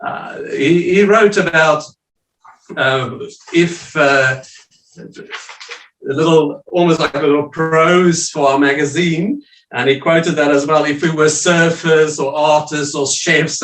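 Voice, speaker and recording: A South African man, a visiting church leader, presents casually to a church group over a video call, speaking hesitantly with many fillers. His voice is fairly high and fairly bright, but the audio is poor, reverberant and recorded from a distance.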